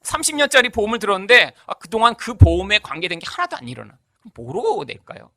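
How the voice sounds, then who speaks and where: Man, pastor, sermon, high voice, dry close sound, rhetorical questions. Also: huge pitch swings, fast, pushed and bright, dry recording. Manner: asks the congregation rhetorical questions; tells stories with acted-out voices.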